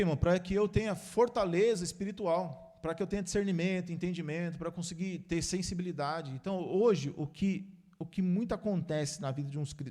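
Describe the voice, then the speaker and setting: A man's voice: on the high side, mellow. A male pastor preaching a conversational sermon, calling his listeners brothers and acting out short dialogues with church members.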